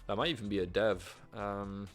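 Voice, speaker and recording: A young man streaming himself playing a board game online, talking to himself with excitable, swearing commentary. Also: lowish voice, normal speed, soft background music. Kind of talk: live gameplay commentary.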